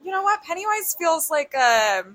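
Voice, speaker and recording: A woman's voice: extremely high pitch, sing-song, moderate pace, fairly bright tone. A woman drag performer giving dry, playful joke answers in a casual interview.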